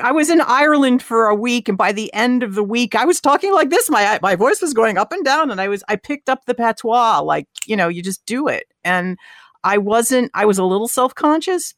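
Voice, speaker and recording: A woman's voice: mid-range voice, lively intonation, normal speed, no room sound, clean studio sound. A woman co-hosting a podcast, chatty and reassuring as she talks. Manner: chatty, reassuring, laughs often. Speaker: podcast co-host. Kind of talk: casual podcast conversation.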